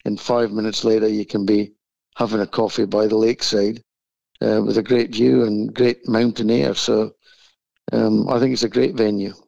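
A man with a croaky frog voice from the flu, talking in an easygoing, informal way as an interview guest. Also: lowish voice, flat delivery, moderate pace, darkish tone, no echo. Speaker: race track owner, interview guest. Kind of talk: casual interview. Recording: muffled, dull lo-fi sound.

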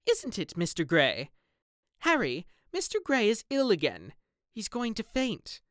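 A man's voice: high voice, wildly swooping pitch, a little slow, a bit bright, dry recording, studio quality, pitched above the performer's own voice, exaggerated voice. A man voicing a playful, flirtatious duchess. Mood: animated, teasing.

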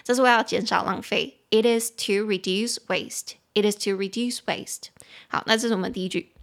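A young adult woman hosting a podcast, explaining English in Mandarin and reading English sentences slowly and clearly. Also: mid-range voice, a bit bright. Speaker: podcast host and English teacher. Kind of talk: casual teaching podcast.

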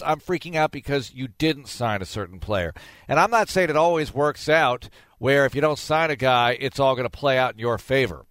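A man's voice: medium pitch, fairly bright tone, dry recording. Emphatic sports radio host, man. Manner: conversational, emphatic, rhetorical questions. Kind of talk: sports talk monologue.

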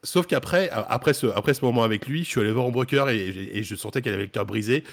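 A man co-hosting a podcast, chatting casually about a video game and telling a rambling, animated story with lots of repeated words. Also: medium pitch, quick pace, vocal fry. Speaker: podcast co-host. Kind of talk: casual gaming chat.

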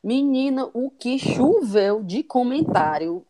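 A woman's voice: on the high side, slow, crowd noise. A woman, chatting casually on a podcast, telling stories and pressing her point with animation. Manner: animated, argumentative storyteller. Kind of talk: casual chat.

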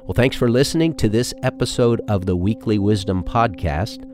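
A pastor gives a podcast sermon in an earnest, conversational way and keeps asking his listeners questions. His voice sits low. Music plays clearly behind him. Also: normal speed. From Texas. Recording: with background music.

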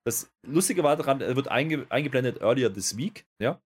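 A man's voice: mid-range voice, lively intonation, brisk, husky. Dry-joking man co-host. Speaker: podcast co-host. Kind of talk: casual wrestling recap chat.

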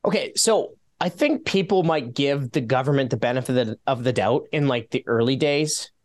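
A Canadian man speaks as a guest on a talk interview, ticking through numbers with lively sarcasm. His voice sits in an ordinary middle range. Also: medium pitch, normal speed. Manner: animated, sarcastic, rattles off figures. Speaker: taxpayer advocate guest. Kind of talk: casual radio interview.

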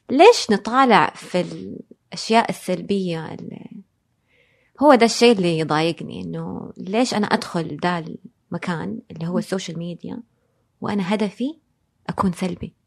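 A woman from Saudi Arabia, a designer and blogger, is the guest in a casual interview, speaking reflectively and slipping English phrases into her speech. Her mid-range voice is creaky and fairly quick, broken by long pauses.

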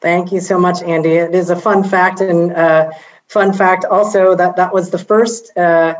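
A woman moderating a panel, speaking gently and haltingly with many "um"s. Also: lowish voice, flat delivery. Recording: slightly dull video-call audio.

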